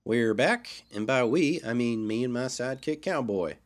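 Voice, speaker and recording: A man's voice: mid-range voice, expressive, normal speed, music in the background, close to an everyday voice. A man playing a brash, wisecracking male hero sidekick who hosts a podcast, talking in a folksy, teasing, swaggering way. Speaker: podcast host.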